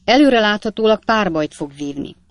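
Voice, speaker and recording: A woman voicing a pompous, irritable male magistrate who talks loud and sharp in a storybook reading. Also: mid-range voice, animated, no echo, voice pushed up, natural voice. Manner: loud, sharp and self-important.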